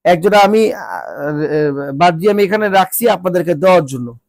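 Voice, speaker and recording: Pitched high with big swings and some vocal fry, a Bangladeshi male vlogger with a cold-clogged nose rants at his viewers at an ordinary pace. Exasperated, he scolds them with one rhetorical question after another, his voice changed by illness. The studio-clean audio has no echo.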